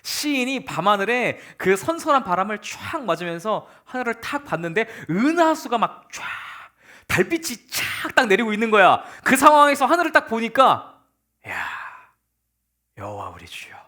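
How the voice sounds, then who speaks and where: Lively high-voiced young man preaching to teens. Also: normal speed. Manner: animated, acts out the psalmist's voice; talks to teens informally, calls them kids. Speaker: youth pastor. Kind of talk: youth sermon.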